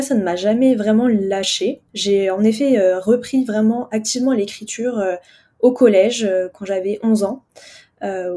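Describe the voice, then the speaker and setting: A young woman in her twenties from France speaks as a guest author in a podcast interview. Her voice is husky and mellow. She answers in a friendly way, with many hesitant fillers. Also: medium pitch. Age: 20s.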